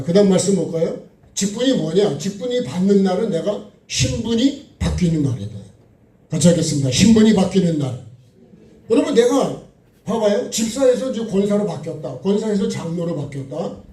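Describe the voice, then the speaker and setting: A man's voice: high-pitched, dark tone. A middle-aged man preaching a sermon, talking conversationally and prompting the congregation with frequent asides. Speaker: pastor. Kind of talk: sermon with sung worship. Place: church sanctuary. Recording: echoey room, distant mic, faint music.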